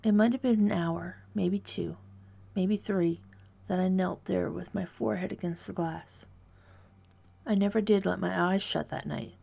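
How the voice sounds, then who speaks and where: Gravelly low-voiced woman narrating horror. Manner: hushed, measured, dread-filled delivery. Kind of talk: first-person horror story narration.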